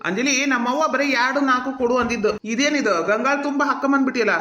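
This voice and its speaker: A man with a North Karnataka Kannada accent plays his part in a village comedy skit. He talks fast and teases with a joking edge. The room around him rings with echo. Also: very high-pitched, bright, forceful tone, dull audio. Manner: teasing, joking.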